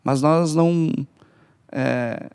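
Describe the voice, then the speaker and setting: Hesitant gravelly Brazilian man. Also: on the high side, very slow, a little mellow. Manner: hesitant, many fillers and restarts. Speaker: family ministry guest. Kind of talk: casual church podcast talk.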